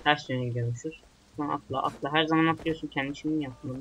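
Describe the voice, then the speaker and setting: Bright-voiced young man grumbling over gameplay. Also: a little high, fairly even intonation, fast, slight background noise. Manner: grumbling, swearing, talking back at the game. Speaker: gamer. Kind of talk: let's play commentary.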